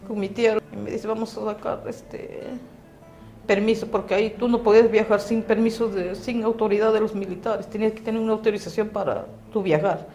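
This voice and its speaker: Woman from Peru giving halting testimony. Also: mid-range voice, darkish tone, poor audio. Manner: halting, emotional recollection. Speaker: interviewee, survivor testimony. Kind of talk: personal testimony interview.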